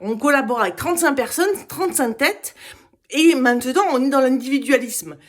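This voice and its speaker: A woman giving an opinionated campaign speech, halting with many hesitations and restarts. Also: sits high. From Italian heritage. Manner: blunt, opinionated rant. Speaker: political candidate.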